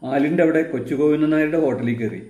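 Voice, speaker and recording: A man's voice: a little high, fast talker, warm tone, natural voice. Male reader as a proud, dismissive old grandfather, curt delivery, echoey room sound. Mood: stern. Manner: curt, scornful storyteller's reading. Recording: roomy echo.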